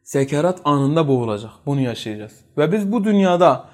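Brief: male religious teacher, high voice, rhetorical questions to the room, swings between loud and hushed. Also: big pitch swings, fairly quick. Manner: quizzes listeners with rhetorical questions. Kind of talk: religious study lesson.

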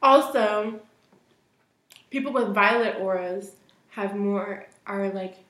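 A woman's voice: medium pitch, slow, a bit bright, reverberant. A young woman co-hosting a casual chat, giggling often and sometimes talking while eating. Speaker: co-host.

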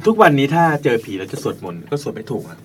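Man, fast and bouncy intonation, blunt jokes, distant from the mic. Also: mid-range voice, very animated. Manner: joking, blunt, quick interjections. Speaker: podcast co-host. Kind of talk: casual chat.

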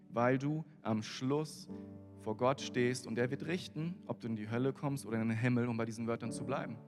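A man preaching a sermon in an earnest, conversational way, speaking directly to his listeners. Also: mid-range voice. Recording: echoey hall with music behind.

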